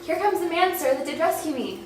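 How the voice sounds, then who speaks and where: A woman's voice: extremely high pitch, expressive, brisk, noisy background. A young woman playing a loyal, lovelorn girl disguised as a page in an amateur Shakespeare performance. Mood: earnest. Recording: echoey room, far from mic, music behind.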